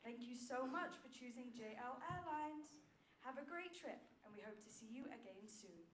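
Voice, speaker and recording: A woman puts on a courteous female cabin announcer giving a formal welcome over the plane's loudspeakers. Her voice sits a little high, with a smooth, practised announcer's patter. It rings in an echoey space with a faint hum underneath. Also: expressive, moderate pace. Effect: announcement over airplane loudspeakers.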